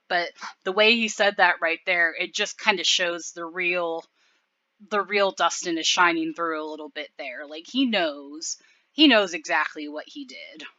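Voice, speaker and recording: Chatty woman commentator, filler-heavy, bright tone, dull dry recording. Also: fairly low pitch, no room sound. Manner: rambling, lots of fillers. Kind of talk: casual video commentary.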